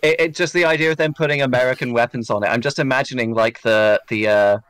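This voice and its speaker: A man's voice: medium pitch, fairly even intonation, fast, fairly bright tone, clear, resonant tone, dry recording. Rambling joking man on a stream. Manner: rambling, imaginative jokes. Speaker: history YouTuber on a group live stream. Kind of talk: casual banter.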